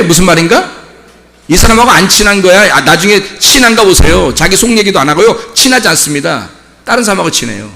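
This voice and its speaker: Animated pastor, shouting in a reverberant hall. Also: male voice, on the high side. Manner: animated, swings from soft asides to shouting. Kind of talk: sermon. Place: church sanctuary.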